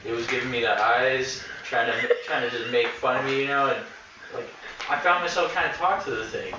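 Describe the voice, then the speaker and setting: A man's voice: medium pitch, fairly quick, noisy background. A man playing a tabletop role-playing game, describing his moves in a rambling, hesitant way. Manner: rambling, hesitant, full of 'like' and 'um'. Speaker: player. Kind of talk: tabletop role-play chat. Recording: echoey room, distant mic, dull sound.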